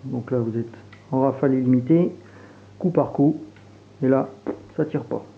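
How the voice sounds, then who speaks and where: Relaxed Franche-Comté man on tinny audio. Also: medium pitch, moderate pace, vocal fry. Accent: Franche-Comté French. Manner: relaxed, hesitant, many fillers while handling gear. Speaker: airsoft reviewer. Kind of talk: casual product unboxing and demo. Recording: tinny phone-like sound, faint hiss.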